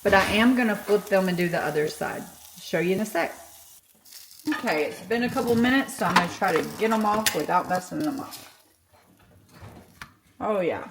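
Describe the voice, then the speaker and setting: A woman's voice: medium pitch, animated, normal speed, pauses often, noisy background. A woman chatting casually through her cooking vlog, thinking aloud as she makes and tastes dinner in her home kitchen. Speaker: food vlogger. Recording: echoey kitchen with sizzling food.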